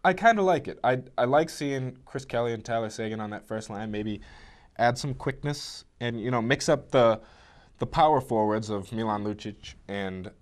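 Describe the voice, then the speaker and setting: A man's voice: medium pitch, normal speed. Laid-back man talking sports. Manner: relaxed, rambling with restarts. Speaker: sports talk co-host. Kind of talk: casual sports chat.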